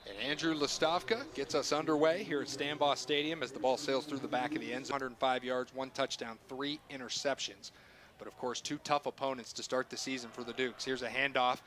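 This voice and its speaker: A man's voice: medium pitch, fairly bright tone, slight background noise. A man calling live football play-by-play in short phrases that follow the action. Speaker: play-by-play announcer. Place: stadium broadcast booth.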